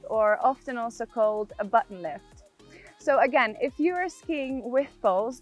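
A young woman, a ski instructor, explaining technique step by step in an outdoor tutorial. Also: a little high. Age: young adult. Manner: step-by-step, often checking with "yeah?". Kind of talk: instructional tutorial presented to camera. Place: outdoors on a snowy ski slope. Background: background music.

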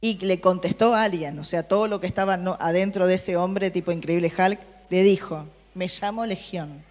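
A woman with a lowish voice preaches to a youth group at normal speed, her words trailing into long reverb. She keeps it lively, reading Bible verses and versions aloud and questioning the room.

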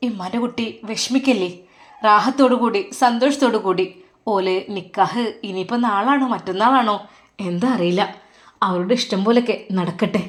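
A woman voicing a caring middle-aged mother, who soothes and coaxes her grown daughter softly. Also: medium pitch, normal speed, close to an everyday voice. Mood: comforting. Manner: soothing, coaxing.

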